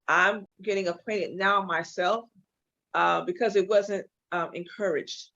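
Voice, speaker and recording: Her voice is fairly low with vocal fry, and she talks at a measured pace. She's a forty-something hair and makeup artist from Los Angeles, openly sharing her story in a casual interview and occasionally becoming animated. The recording sounds dull and lo-fi.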